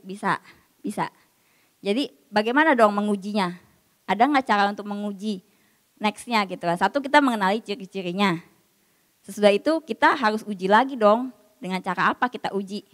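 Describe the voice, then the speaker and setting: A woman's voice: mid-range voice, big-room sound. A woman preacher giving a casual, story-filled sermon, acting out the voices she quotes.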